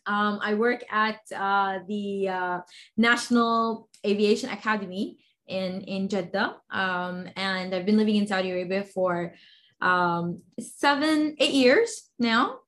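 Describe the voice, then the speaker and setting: A woman's voice: mid-range voice, measured pace, a bit bright. Enthusiastic woman guest, many fillers. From Sudan. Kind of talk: interview conversation.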